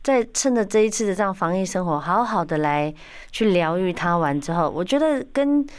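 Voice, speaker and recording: A woman with a Taiwanese Mandarin accent and a slightly low voice hosts a relaxed interview. She talks in a chatty, talkative way and fills the gaps with quick agreeing sounds. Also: clean tone. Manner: chatty, warm agreeing with many short backchannels. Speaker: podcast host. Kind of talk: casual podcast interview.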